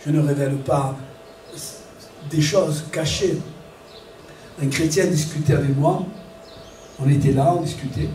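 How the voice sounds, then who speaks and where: A man preaching a sermon as pastor, animated, acting out little scenes and shouting warnings. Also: fairly high pitch, unhurried, pauses often, slight background noise. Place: church hall. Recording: echoey church room from far off, faint ambience.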